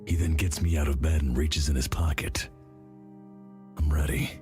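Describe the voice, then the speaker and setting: Unnaturally deep pitched-down male voice. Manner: slow, flat, deadpan delivery. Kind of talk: deadpan meme story narration. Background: music playing under the voice.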